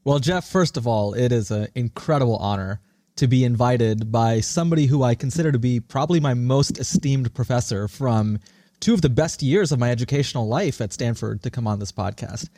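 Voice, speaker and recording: A startup CEO in his thirties, born in India and raised in Singapore, speaks with an American accent as a podcast guest. He answers interview questions earnestly, emphatically and articulately. His medium-pitched, dark-toned voice moves a little fast, in a dry, studio-quality recording.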